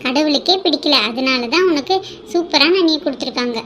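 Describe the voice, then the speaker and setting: A woman voicing a cheeky younger sister in a cartoon drama, talking in an excited, teasing way. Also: high voice, fairly quick, a little hiss or hum. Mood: gushing. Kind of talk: cartoon voice acting.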